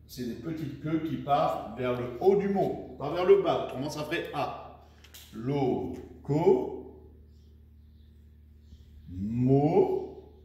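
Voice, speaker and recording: A man teaching young children, dictating words slowly syllable by syllable and encouraging them, recorded far from the mic in an echoey room. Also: a little high, a little mellow. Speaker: primary school teacher. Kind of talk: slow dictation lesson for children.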